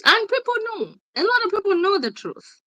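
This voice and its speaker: Her voice is very high and sing-song, with a sharp tone and moderate pace, captured lo-fi with no room sound. She is a Ugandan woman, an activist guest in an interview conducted in a mix of English and Luganda, pressing and repeating her points emphatically.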